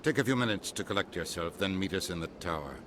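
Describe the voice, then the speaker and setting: An actor playing a male official who speaks in a brisk, authoritative way. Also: low-pitched, expressive, background noise. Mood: firm.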